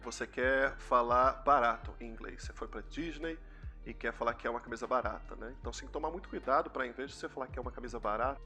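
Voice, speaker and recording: Brazilian man, young adult, chatty English teacher, bright clear voice, faint music underneath. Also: mid-range voice. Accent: Brazilian Portuguese. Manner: chatty, explains with repeated examples. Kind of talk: casual YouTube English lesson.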